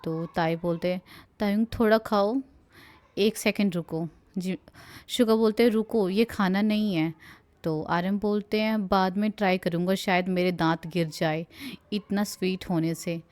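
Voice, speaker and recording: A young woman narrates a live stream for her viewers, relaying each line in an easy, chatty tone. She keeps slipping into laughter and asides as she reads. Her pitch sits in an ordinary middle range. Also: fairly even intonation, a little slow, darkish tone. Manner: giggly, chatty, breaks into laughter while reading. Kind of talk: casual retelling, reading quotes aloud.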